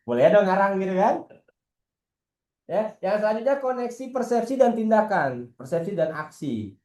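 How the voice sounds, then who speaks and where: A man's voice: high-pitched, moderate pace, echoey room. A man, a football coach talking casually in an internal team meeting, teasing and asking rhetorical questions. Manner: lively, slangy, teasing, asks rhetorical questions.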